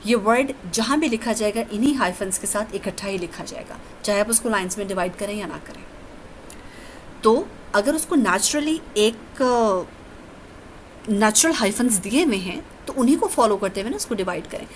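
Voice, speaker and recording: A woman's voice: mid-range voice, animated, moderate pace, slight background noise, poor audio. A woman teaching an English lesson, explaining each rule step by step with patience. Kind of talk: recorded classroom lecture.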